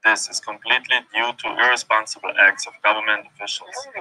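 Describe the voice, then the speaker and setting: A man's voice run through an electronic disguise that makes it deep and unnatural, low in pitch yet sharp and bright in tone. He speaks as a news interviewee, firm and accusing, in a measured way. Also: fairly even intonation. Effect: voice electronically distorted, disguised deep. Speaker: interviewee, taxi driver.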